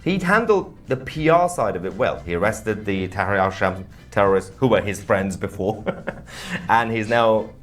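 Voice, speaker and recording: A man co-hosting a podcast with casual political commentary, measured and hesitant with frequent pauses. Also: fairly low pitch, animated, soft background music. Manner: measured, hesitant with many uhs. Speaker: podcast co-host.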